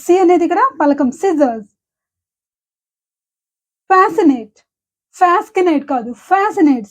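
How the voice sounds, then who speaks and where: A woman with a Telugu accent teaching English pronunciation, saying each example word slowly and clearly several times. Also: high-pitched, darkish tone. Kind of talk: pronunciation lesson.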